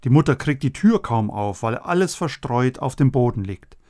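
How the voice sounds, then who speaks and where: A man giving a scripted radio sermon, earnest and measured, speaking straight to the listeners. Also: medium pitch, expressive, warm tone. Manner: earnest, measured preaching, addressing listeners directly. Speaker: radio preacher.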